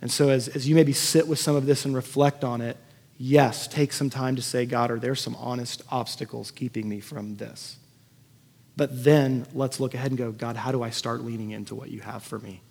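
A man with a husky, darkish mid-range voice and some vocal fry preaches at a moderate pace with fairly even intonation. He's a pastor giving a conversational sermon, earnest and prone to emphatic repetition. The recording sounds like an echoey hall with long reverb.

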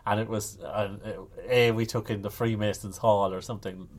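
Low-voiced Kerryman, west of Ireland accent. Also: fairly even intonation, normal speed. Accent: North Kerry, west of Ireland. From North Kerry, west of Ireland. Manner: jokey, wry. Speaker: podcast co-host. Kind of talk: casual chat.

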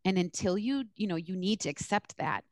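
In an interview, a social work supervision instructor from the US East Coast speaks with frank, blunt candor. Her lowish voice is animated and brisk, and there is no room sound. Her answers come out emphatic and conversational, like an instructor describing her work.

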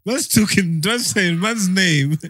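A man with a London roadman accent and street slang, breaking into casual banter to check things and calm the others. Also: sits high, slow pace, dry recording.

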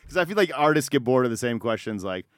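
A man's voice: medium pitch, big pitch swings, quick pace, no echo, studio quality. A man co-hosting a music podcast, chatting casually with lots of fillers and easy swearing. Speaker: podcast co-host.

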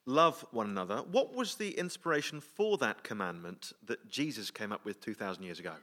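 A comedy show host conducts a comic interview on a theatre stage before an audience, sounding hesitant and mock-deferential. His fairly low voice is sing-song, bright, and forceful, and he talks fairly quickly. The live theatre recording carries faint noise.

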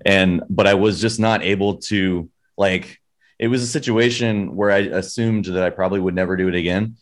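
A metal band vocalist from San Diego, United States, appears as an interview guest, telling stories in an informal, rambling, slangy chat. He has a Californian accent and a deep voice with a steady tone and moderate pace.

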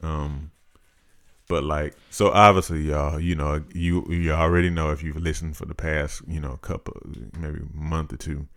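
A man in his thirties co-hosting a podcast, talking in a measured, reflective, casual way. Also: extremely low pitch, flat delivery, fairly bright tone. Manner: measured, reflective, practical-minded. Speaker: podcast co-host. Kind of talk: casual chat.

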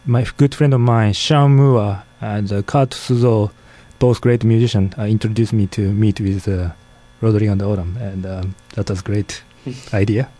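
A man's voice: on the low side, fairly even intonation, moderate pace, hardly any pauses, mellow. A man introducing himself as a drummer in a studio interview, hesitant with many fillers. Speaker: drummer, guest. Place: radio studio.

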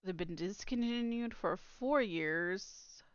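A woman's voice: medium pitch, slow, clear, resonant tone, highs cut off. A woman co-hosting a podcast in casual chat, rambling and trailing off into fillers. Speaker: podcast co-host.

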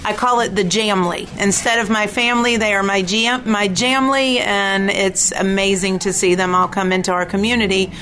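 Woman interviewed amid clear racetrack noise. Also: mid-range voice, steady tone, moderate pace, hardly any pauses, fairly bright tone, low-quality recording. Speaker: interview guest, nonprofit CEO. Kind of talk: enthusiastic explanatory interview talk. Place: at a speedway during race events. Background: racetrack ambience.

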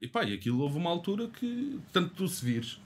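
A man's voice: high-pitched, big pitch swings, fairly quick. A man with a Lisbon-area Portuguese accent, a rapper co-hosting a casual podcast, who stammers, swears freely and tells stories with animation.

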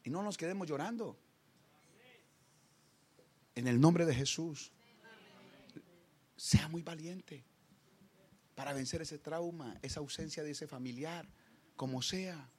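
A man preaching a sermon with passion, repeating phrases for emphasis and swinging from quiet talk to shouting. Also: fairly high pitch, slow pace, long pauses, breathy edge.

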